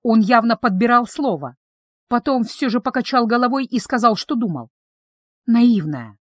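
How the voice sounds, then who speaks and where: A woman reading a fantasy story aloud as narrator, in calm, even storytelling. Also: on the high side, normal speed, no echo, studio quality. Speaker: audiobook narrator. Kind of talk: scripted narration.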